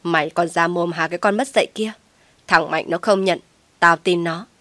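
A woman voicing an enraged middle-aged mother who shouts and scolds harshly, in a dry, close recording. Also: lowish voice, a little fast, no room sound, natural voice. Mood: furious.

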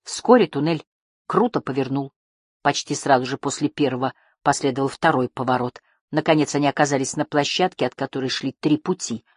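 Low husky woman narrating an audiobook. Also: brisk, dry recording, clean studio sound.

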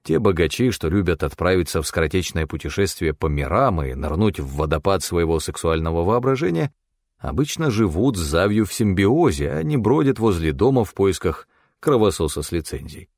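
A man reads an audiobook in a low, gravelly voice that rises and falls with lively expression. The recording is close and dry, with no room sound. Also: a little fast, no room sound. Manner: expressive storytelling. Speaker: audiobook narrator. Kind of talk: scripted audiobook narration.

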